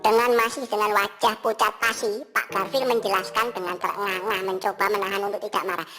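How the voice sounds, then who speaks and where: A woman's voice: medium pitch, steady tone, fast talker, close to an everyday voice. A woman voicing a cheeky, reformed male cat who tells a children's Sunday school story in a playful, sing-song way with sound effects. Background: music.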